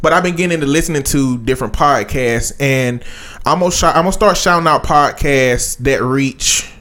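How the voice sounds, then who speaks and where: Guy chatting on a podcast, casual, kinda rambling and halting, mid pitched voice. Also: pushed and bright. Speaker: podcast co-host.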